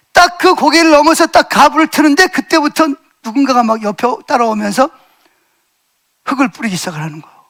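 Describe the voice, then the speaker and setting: A middle-aged male pastor preaching a sermon in a church, telling a personal story with vivid re-enactment, shifting between loud exclaims and hushed asides. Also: very high-pitched. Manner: animated storytelling, shouting re-enacted lines, swings loud to hushed. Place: church sanctuary.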